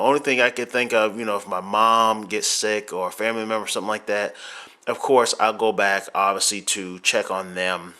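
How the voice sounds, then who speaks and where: A young man from Miami, United States, hosts a casual question-and-answer podcast. His voice sits on the low side and is bright and forceful, yet his throat sounds sore and rough. He rambles loosely, with plenty of fillers and restarts.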